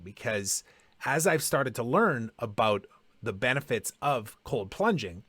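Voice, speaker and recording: A man's voice: medium pitch, a bit bright, dry recording. A man hosting a podcast, telling personal stories in a casual, conversational way and acting out quoted dialogue. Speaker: podcast host.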